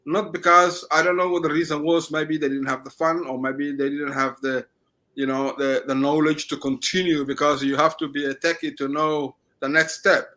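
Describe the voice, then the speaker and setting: A middle-aged man from Somalia with a Somali accent, chatting as an interview guest in halting, restarting sentences. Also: on the high side, flat delivery, sharp tone. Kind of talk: casual interview talk.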